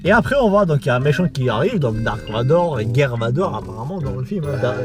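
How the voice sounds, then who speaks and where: A man's voice: mid-range voice, animated, fast, music in the background. A man talking casually and drunkenly, rambling through a film recap in repetitive, sweary slang and losing his thread. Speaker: video host.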